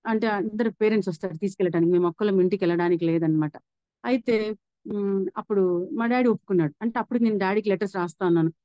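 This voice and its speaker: Earnest fast-talking woman giving testimony. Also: mid-range voice, dry recording, muffled recording. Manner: earnest, reflective, many restarts and fillers. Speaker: speaker giving a personal faith testimony. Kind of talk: personal testimony storytelling.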